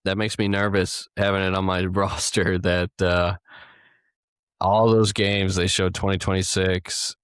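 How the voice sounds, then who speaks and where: A man's voice: low-pitched, flat delivery, measured pace, fairly bright tone, smooth, no echo, clean studio sound. A young man co-hosting a casual gaming podcast, rambling through his thoughts and laughing now and then. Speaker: podcast co-host.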